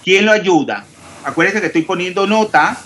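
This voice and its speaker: A Panamanian man teaches chemistry online, quizzing students and correcting their answers at normal speed. He stresses clear diction, sounding every consonant including final s, in a voice a little high for a man, over a faint hiss.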